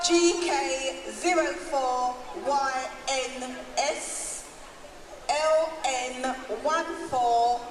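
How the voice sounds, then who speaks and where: Woman announcing over an echoey PA. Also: high-pitched. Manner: formal, spells out letters one by one. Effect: over a PA system. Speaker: venue announcer. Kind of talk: public announcement. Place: large indoor pool hall. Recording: echoey hall PA with crowd noise.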